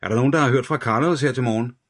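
A man playing a tough male police detective who calls out and shouts urgently. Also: low voice, slightly rough. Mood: urgent, shouting.

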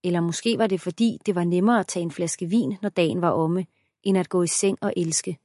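A woman reading an erotic audiobook as narrator in a steady, even voice. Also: on the low side, dry recording, clean studio sound. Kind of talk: scripted narration.

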